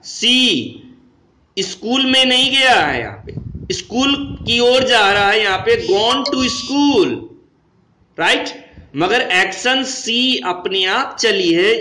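A man's voice: high voice, sharp tone, echoey room, low-quality recording. A man with an Indian accent teaching English grammar, mixing Hindi and English and asking his students questions, then answering them himself.

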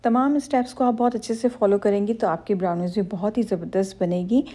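Mellow-voiced woman teaching a recipe. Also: mid-range voice, fairly even intonation, fast. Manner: instructive, reassuring, addresses women viewers directly. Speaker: cooking channel host. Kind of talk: voice-over cooking tutorial.

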